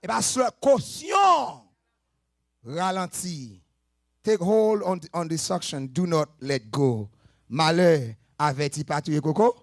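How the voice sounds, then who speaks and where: A man preaching a sermon, moving between soft talk and shouted, sing-song preaching. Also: on the high side, lively intonation, slow pace, no echo, studio quality.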